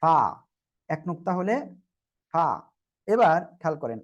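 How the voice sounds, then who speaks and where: A Quran teacher leading an online group class, patiently sounding out letters slowly and asking everyone to repeat together. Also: mid-range voice, animated, lo-fi sound.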